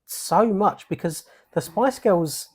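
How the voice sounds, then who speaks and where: A podcast co-host with a mid-range voice talks casually about an animated film. The delivery is relaxed, and the remarks are dry and observant. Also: mid-range voice, slow pace, slightly rough. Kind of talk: casual chat.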